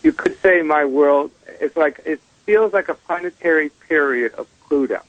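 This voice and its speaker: A man's voice: fairly high pitch, lively intonation, fairly bright tone, no echo. Man on a tinny, metallic phone line. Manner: hesitant, pauses with many ums. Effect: tinny, metallic phone-line sound. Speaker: radio show guest astrologer. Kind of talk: casual phone conversation.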